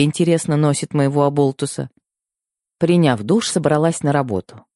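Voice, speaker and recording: A man reading a first-person story aloud as an audiobook narrator, with expressive storytelling. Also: medium pitch, dry recording, studio quality. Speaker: audiobook reader.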